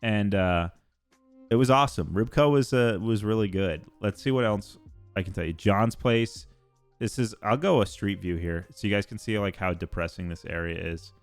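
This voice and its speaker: A man's voice: fairly low pitch, normal speed, clear, resonant tone, faint music behind. A young adult man streaming, chatting casually and rambling with lots of fillers and casual swearing. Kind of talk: casual chat.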